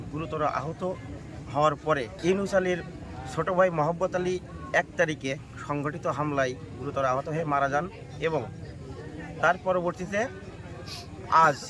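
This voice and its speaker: High-voiced man giving a formal statement. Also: low-quality recording. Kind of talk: formal statement recounting events. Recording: outdoor crowd and traffic noise.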